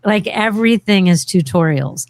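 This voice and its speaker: A woman's voice: medium pitch, expressive, normal speed. A woman co-hosting a podcast in casual, self-deprecating chat, giggling between remarks. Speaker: podcast co-host. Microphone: studio mic, close.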